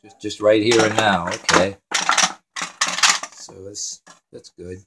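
Cooking-show host, male, lowish voice, rambling and profane, noisy phone recording in a home kitchen with clattering pans. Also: fairly even intonation, slow. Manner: rambling, swears casually, talks to himself while working. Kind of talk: casual cooking narration.

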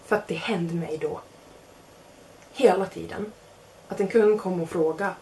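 Young woman storyteller, animated and self-mocking, slightly creaky delivery. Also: on the low side, a little hiss or hum. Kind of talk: casual spoken anecdote.

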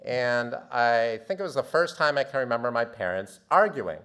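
Animated storytelling man in his fifties. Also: mid-range voice, normal speed. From United States. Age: 50s. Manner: animated, theatrical, swings from quiet to shouting. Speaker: doctor giving a talk. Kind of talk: storytelling presentation.

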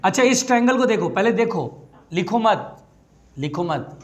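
High-voiced teasing physics teacher man. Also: expressive, moderate pace. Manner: teasing, chatty, coaxes students along. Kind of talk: classroom lecture.

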